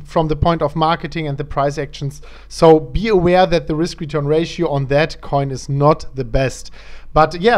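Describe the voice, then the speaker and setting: Higher-pitched man hosting a casual interview. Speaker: show host.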